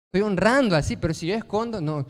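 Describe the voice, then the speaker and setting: A pastor delivers a sermon to his congregation. His voice sits high for a man, and he leans hard on key words. He keeps asking the room questions and answering them himself. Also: fast, in a large hall. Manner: emphatic, asks rhetorical questions and answers them.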